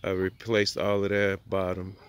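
Beside the chicken coops in his backyard, a man shows off his homestead in a casual vlog shot on a handheld phone camera, using lots of fillers as he thinks aloud. He speaks at a moderate pace in a low, clear, resonant voice with a completely flat delivery.

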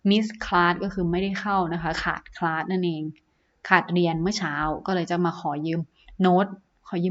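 A Thai-accented woman teaches an online class, reading English sentences at a slow pace before explaining them in Thai, sprinkling in fillers. She speaks at a medium pitch, and the recording's highs are cut off.

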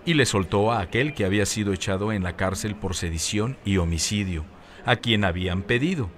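Low-voiced man reading scripture. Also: fairly bright tone.

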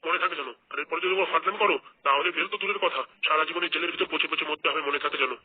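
A stern police officer voiced by a man barks warnings quickly in a comic audio skit. His voice is husky and a bit high. The sound is tinny and phone-like. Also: fairly even intonation, recorded from a distance. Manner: brusque, threatening.

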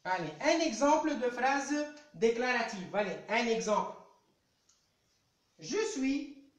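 A man teaching a class online from a chalkboard, speaking slowly and patiently as he spells out each example. His pitch rises and falls a lot as he coaxes the pupils to join in. The room gives his voice a roomy echo. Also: lively intonation. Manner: slow, patient, coaxing, repeats "allez" to prompt pupils. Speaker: primary school French teacher. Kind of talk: live online class lesson. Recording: roomy echoey room sound.

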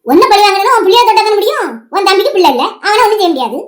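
In an animated cartoon, a performer voices a vengeful, scheming old village woman, taunting and scolding with scorn. The female voice is extremely high-pitched, very animated, and rapid-fire.

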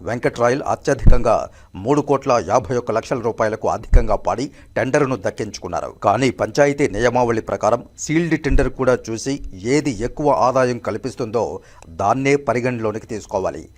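A man's voice: medium pitch, fairly quick. A man narrating a scripted news report as a reporter.

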